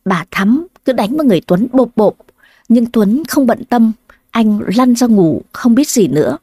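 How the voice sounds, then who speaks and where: A woman's voice: on the high side, expressive, normal speed, dark tone, no room sound, studio quality. A woman narrating a first-person family drama, plaintive and emotional in her own lines. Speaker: storyteller.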